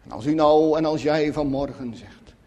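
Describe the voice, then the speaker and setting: A man preaching a sermon in a solemn, earnest way with long pauses. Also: fairly high pitch, darkish tone.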